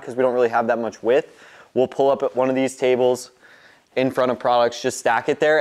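Casual vlog host: American man in his twenties, clear resonant voice, informal walkthrough delivery. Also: mid-range voice, a little mellow. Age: 20s. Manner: informal, mildly profane. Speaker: host giving a warehouse tour. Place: large concrete warehouse and upstairs office, indoors.

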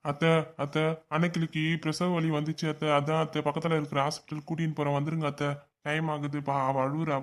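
A man's voice: fairly high pitch, flat delivery, quick pace, lightly acted. A man voicing a polite, anxious young husband in a family cartoon. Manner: polite, anxious, repeats respectful address. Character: earnest young husband, soon a father.

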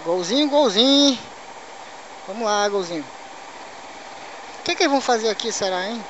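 A man's voice: sits high, lively intonation, normal speed, muffled recording. A man from Manaus, Brazil, with a local Brazilian Portuguese accent, chatting in slangy casual commentary while riding a motorcycle on city roads. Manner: chatty, slangy, chuckles to himself. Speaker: motovlogger. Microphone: helmet or bike camera mic. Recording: loud wind and engine noise.

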